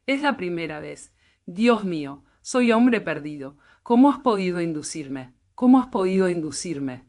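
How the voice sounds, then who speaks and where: A woman's voice: medium pitch, a little slow, natural voice. A woman reading a terrified young peasant. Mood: pleading. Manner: pleading, fearful begging. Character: frightened young male peasant rower.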